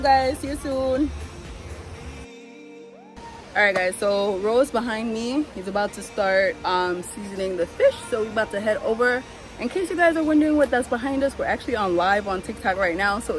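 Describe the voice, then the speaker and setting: A woman hosting a casual vlog outdoors, chattily talking straight to her viewers. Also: on the high side. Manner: chatty, addresses viewers as guys. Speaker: vlog host. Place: outdoors by a river.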